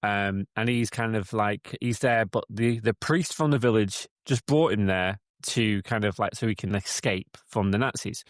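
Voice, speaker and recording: A man's voice: lowish voice, moderate pace, few pauses, dry recording, studio quality. A man co-hosting a casual podcast from a cabin in the woods, retelling a film plot with many restarts. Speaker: podcast co-host. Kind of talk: casual chat.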